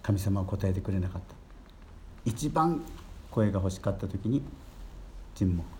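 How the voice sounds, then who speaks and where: Older priest preaching in a low voice. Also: male voice, expressive, measured pace, slight background noise. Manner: gentle storytelling preacher, rising emphasis on key words. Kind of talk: sermon.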